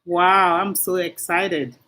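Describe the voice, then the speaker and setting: A woman hosting a live stream, warmly greeting viewers one by one by name. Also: lowish voice, fairly even intonation, slow. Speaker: livestream host. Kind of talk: casual livestream greeting.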